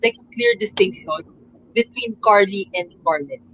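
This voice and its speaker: A woman's voice: mid-range voice, wildly swooping pitch, moderate pace, fairly bright tone. A woman chatting casually as a member of a book club. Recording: dull lo-fi audio, faint background noise.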